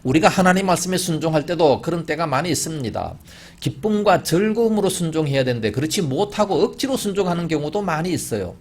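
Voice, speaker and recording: Husky, lively-voiced male preacher. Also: a little high, quick pace. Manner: emphatic preaching with rhetorical questions and sudden loud rises. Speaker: pastor. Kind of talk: sermon.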